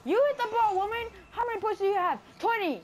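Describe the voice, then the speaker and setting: A woman bantering and teasing her friend while playing a video game, with loud, quick outbursts. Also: extremely high pitch, expressive. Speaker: gamer. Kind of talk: casual gameplay banter.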